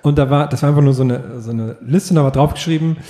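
A man's voice: medium pitch, quick pace, dark tone, roomy sound, in a large hall. A man in a casual chat, telling rambling stories and laughing often. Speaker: podcast co-host.

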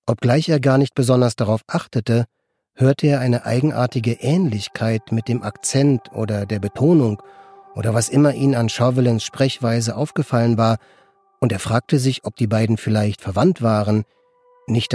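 A man reading an audiobook in measured, even narration. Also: mid-range voice, breathy edge, soft background music.

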